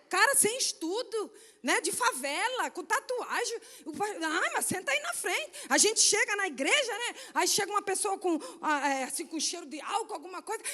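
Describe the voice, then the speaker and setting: High-voiced Brazilian woman preaching in a church. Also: in a large hall. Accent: Brazilian Portuguese, Rio de Janeiro. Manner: animated storytelling, acts out quoted voices, frequent "né?" and "amém?". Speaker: guest missionary speaker. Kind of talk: testimony sermon. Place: church sanctuary.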